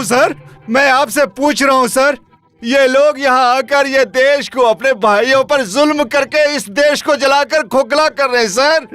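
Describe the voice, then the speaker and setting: A man's voice: very high-pitched, a bit bright. A man dubbing a film role as a desperate young man, passionately pleading with an official and calling him sir again and again. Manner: pleading, impassioned, repeating "sir". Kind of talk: dubbed film acting.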